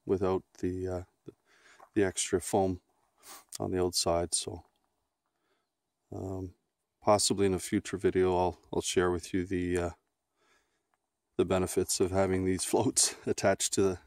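A middle-aged man with a fairly low voice talks through a do-it-yourself project outdoors in a casual, halting way, full of ums and restarts. The sound is dry and close, with little room around it. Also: a little mellow, dry recording. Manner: halting, many ums and restarts, plain-spoken. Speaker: outdoor vlogger. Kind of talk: casual how-to walkthrough. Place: outdoors on a grassy lawn beside a canoe.

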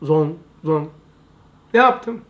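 A man's voice: on the high side, lively intonation, drawn-out words, dull audio. A man giving an informal religious lesson, emphatic and repetitive, often calling his listeners brother. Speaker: religious study teacher.

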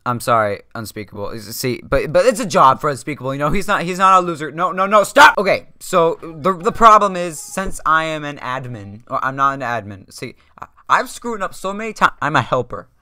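A young man vlogging from a dark room at home into a desk mic, rambling, joking and correcting himself constantly. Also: fairly high pitch, animated, a little fast, no room sound, studio quality. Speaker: YouTuber. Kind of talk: rambling self-deprecating vlog.

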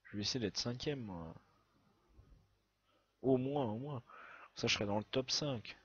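A man giving a chatty, excitable let's-play commentary on a browser game, swearing often as he plays. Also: mid-range voice, unhurried, husky, muffled recording. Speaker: gaming video host.

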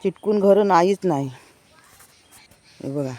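A woman's voice: on the low side, measured pace, mellow, dry recording. Woman, walking village tour, enthusiastic, keeps saying look, outdoors, handheld phone, birdsong. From Konkan, India. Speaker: vlogger giving a village tour. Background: birds chirping.

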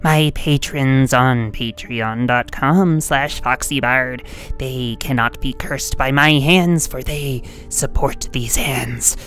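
A woman voicing a grandiose, cackling evil sorceress who makes theatrical villain proclamations in a low, loud voice. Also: slow pace, soft background music, heavily acted. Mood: gloating.

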